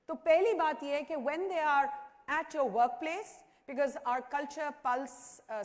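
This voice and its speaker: A woman with a Pakistani accent giving a conversational presentation to an audience, engaging listeners with direct questions. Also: high voice. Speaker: conference speaker. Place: large indoor event hall. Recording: echoey hall with long reverb.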